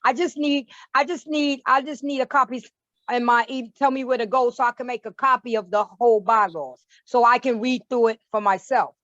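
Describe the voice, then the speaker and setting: A woman joins a virtual board meeting from her phone over a bad connection, and her voice comes through dull and dry. She presses her point insistently and repeats phrases, pitched a little high. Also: normal speed, a bit bright, no room sound. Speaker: community board member.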